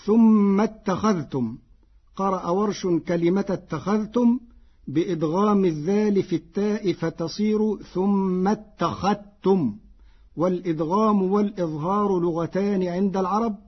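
A man teaching Quran recitation readings in a measured way, slowing down to recite each example word. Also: sits high, slightly rough, lo-fi sound.

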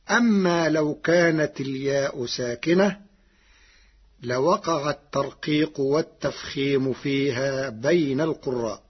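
A man teaching the variant readings of Quranic recitation in a slow, deliberate, measured lecture. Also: on the high side, husky, highs cut off. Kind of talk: scripted explanatory lecture.

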